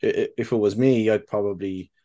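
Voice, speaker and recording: A man co-hosting a podcast, talking casually in halting bursts full of restarts and fillers, with casual swearing. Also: fairly low pitch, steady tone, mellow. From the UK and Ireland. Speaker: podcast co-host. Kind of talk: casual chat.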